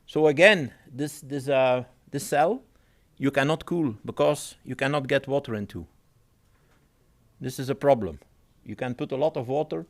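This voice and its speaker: A man with an other than giving a technical presentation at a conference. He pauses, repeats words and phrases things in his own way. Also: mid-range voice. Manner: halting, repeats words, non-native phrasing. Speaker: conference speaker.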